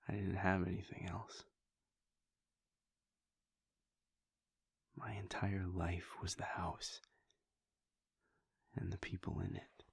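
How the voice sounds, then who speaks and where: A man gives a soft, confiding monologue as a weary, brooding vampire prince in an intimate audio roleplay, his voice a low, husky whisper. The recording is dry, the character voice complete, and the feeling melancholy.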